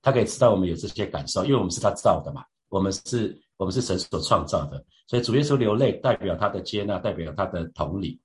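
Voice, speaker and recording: A man giving a devotional Bible teaching as a church leader, reflective and unhurried, often turning to his listeners with rhetorical questions and soft fillers. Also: low voice, lively intonation.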